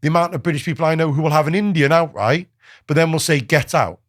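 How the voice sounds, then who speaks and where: A podcast host from South Wales leads a casual, opinionated discussion, arguing emphatically and speeding up whenever he presses a point. His voice is a little high and quick. The studio sound is clean, with no room ambience.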